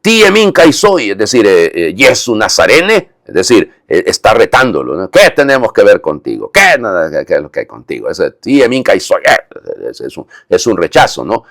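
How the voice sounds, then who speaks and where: Priest preaching a homily: low, expressive male voice, dry recording, explains step by step. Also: moderate pace, gravelly, hardly any pauses, dry recording. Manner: explanatory, with frequent tag questions.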